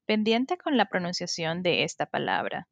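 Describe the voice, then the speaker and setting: A woman, teaching an English lesson on a podcast in a slow, careful way and modeling the words for learners. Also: lowish voice, sing-song, gravelly, dry recording, muffled recording. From Colombia. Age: 20s.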